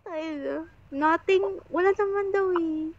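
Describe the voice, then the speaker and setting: Woman teasing her friend mid game, high voice, noisy recording. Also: unhurried, muffled recording. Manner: blunt and teasing, swears often. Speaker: game player. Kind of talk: casual chat while gaming. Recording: noisy background.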